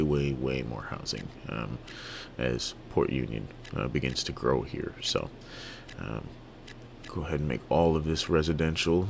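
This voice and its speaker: Canadian man, very low gravelly voice, laid-back game commentary with lots of ums, faint hiss behind. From Toronto, Canada. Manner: relaxed, halting, many fillers and restarts. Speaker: gaming video creator. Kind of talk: casual let's-play commentary.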